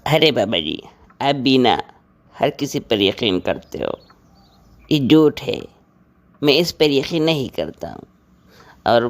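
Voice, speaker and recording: A man's voice: mid-range voice, big pitch swings, pauses often, no echo. A young man playing an impatient brother who brushes off his family to keep working in a comedy skit. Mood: mocking. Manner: impatient, exasperated. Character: impatient young man, dismissive, busy with work.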